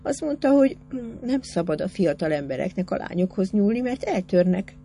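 A woman reading aloud voices a shy, secretive young girl who speaks in a hesitant, halting way. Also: mid-range voice, sing-song, creaky, dark tone. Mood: timid.

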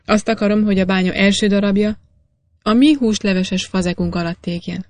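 A woman's voice: mid-range voice, fairly even intonation, darkish tone, no echo, natural voice. A woman reading aloud, voicing a sturdy, practical miner's wife in a storybook. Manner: matter-of-fact.

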